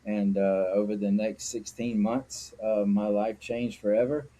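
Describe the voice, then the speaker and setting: A middle-aged Mississippi man, founder of a sober living home, tells his story as an interview guest in a lowish, dark, fairly even voice. He speaks unhurriedly, candid and reflective, with frequent fillers.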